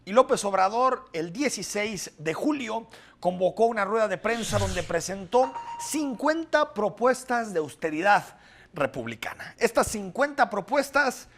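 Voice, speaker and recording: A man delivering scripted news commentary, explaining and listing points briskly. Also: sits high, animated, fairly bright tone, slight background noise.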